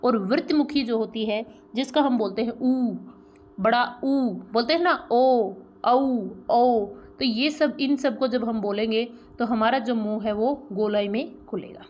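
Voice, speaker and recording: A woman's voice: on the high side, darkish tone. A woman teacher explaining grammar step by step, asking rhetorical questions and checking that the class has followed. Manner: pronounces sounds slowly and drawn out as examples. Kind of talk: grammar lesson.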